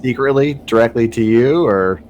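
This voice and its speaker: A man's voice: medium pitch, normal speed, darkish tone, muffled recording, slight background noise. A man chatting casually as a player in a tabletop game.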